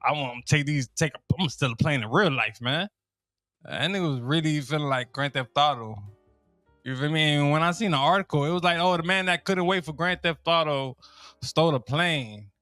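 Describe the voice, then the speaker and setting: A young comedian from Miami, Florida, tells comic stories stand-up style in a Miami accent, loose and slangy, repeating himself and laughing at his own lines. His fairly high voice is pushed and bright and runs a little fast. The studio sound is clean with no echo and faint music behind him.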